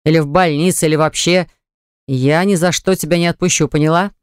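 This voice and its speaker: A man reading an audiobook, voicing a stubborn young man who slowly and insistently presses his point. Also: steady tone, clear, resonant tone, dry recording, lightly acted. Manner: low, slow, persuasive and pressing. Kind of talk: audiobook character voice. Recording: dry close studio recording.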